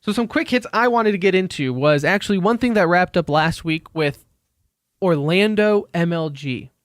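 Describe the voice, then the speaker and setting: A man's voice: sits high, expressive, normal speed, no echo, clean studio sound. A man hosting a radio show about esports, chatty and joking as he moves between segments. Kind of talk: casual esports radio talk.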